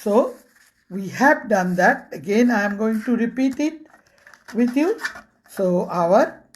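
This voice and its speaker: A woman's voice: on the high side, animated. A woman teaching Hindi letters to children, saying each sound again and again and explaining in English and Hindi. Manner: slow, repeats each sound, switches between Hindi and English. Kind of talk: slow, patient language lesson.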